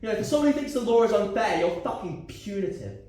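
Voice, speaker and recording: A young man acting a bitter, furious husband live on a theatre stage, sarcastic and often shouting. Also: sits high, animated, quick pace. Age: young adult. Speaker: student actor. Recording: echoey stage from far off, faint noise.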